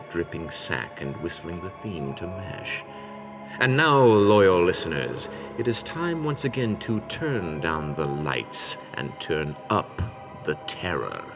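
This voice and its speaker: A man's voice: sits low, heavily acted. A man playing an ominous, portentous announcer, narrating a horror radio anthology show in a dramatic way. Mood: grandiose.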